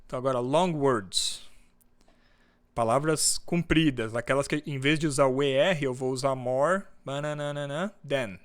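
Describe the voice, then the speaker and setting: Slow, patient Brazilian teacher man. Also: mid-range voice, clear, resonant tone. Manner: slow and patient, drawing out English example words. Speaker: English teacher. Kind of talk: online class teaching English grammar in Portuguese. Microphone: computer mic on a video call.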